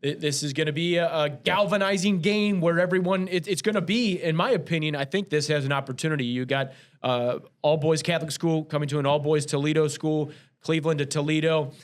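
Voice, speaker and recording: A man's voice: on the high side, fairly even intonation, a little fast. A man co-hosting a casual local sports show, rambling and self-correcting as he previews games.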